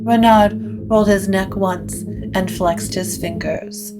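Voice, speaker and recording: Over music, a woman narrates scripted supernatural fiction in a measured, literary style, her mid-range voice keeping a fairly even intonation.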